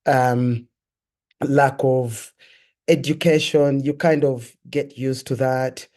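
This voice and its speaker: A man from Uganda, a guest sharing his life story in an interview, telling it in a reflective, earnest and measured way. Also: medium pitch, fairly even intonation, darkish tone. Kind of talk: personal testimony in an interview.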